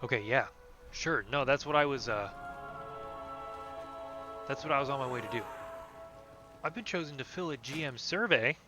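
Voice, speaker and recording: A man's voice: mid-range voice, normal speed, long pauses. A man streaming a video game, chatting casually, joking and swearing, and reading quest text aloud. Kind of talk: casual gameplay commentary. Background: game music.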